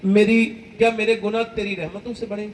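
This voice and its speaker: A broken male sinner weeping out his remorse to God, told by an outdoor preacher. His voice climbs high and strained, heard from a distance over faint traffic. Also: level tone, lightly acted.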